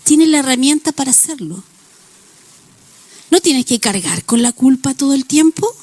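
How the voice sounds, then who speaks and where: A woman's voice: high-pitched, lively intonation, normal speed, darkish tone, dry recording. A woman pastor preaching a sermon, illustrating points with everyday examples and acted-out quotes.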